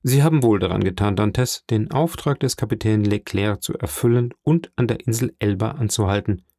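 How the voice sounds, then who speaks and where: A man's voice: lowish voice, a little fast, no room sound, studio quality, natural voice. A man reading a hearty middle-aged shipowner. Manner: warm, lively, confiding.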